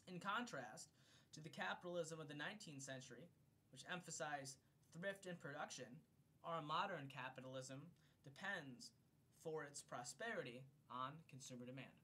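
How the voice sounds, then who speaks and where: A slightly drunk man reads an economics text aloud as an amateur bedtime recording for a friend, declaiming the written passages but turning loose and profane in his casual asides. His voice is pushed and bright at normal speed, and the homemade recording carries a low rumbling noise.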